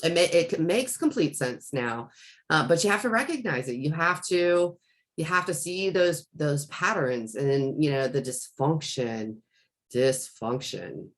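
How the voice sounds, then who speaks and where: A woman's voice: low-pitched, lively intonation, measured pace. A middle-aged woman in casual podcast conversation, rambling with many restarts and fillers as she tells a story from home. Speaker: life coach.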